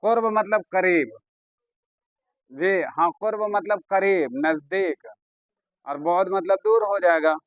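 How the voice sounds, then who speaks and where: A man's voice: high voice, slow pace, pauses often, no room sound. A man teaching an Urdu vocabulary class, chatty and coaxing, often praising his students. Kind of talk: classroom lesson.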